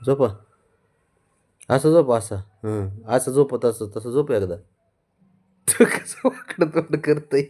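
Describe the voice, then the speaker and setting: Guy talking to his cat at home, slow and sing-songy, keeps repeating little commands, laughs a lot. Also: medium pitch, animated, dark tone. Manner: coaxing, playful, repeats short commands; laughs often while talking. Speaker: cat owner filming his pet. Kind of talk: casual talk to a pet. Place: indoors at home.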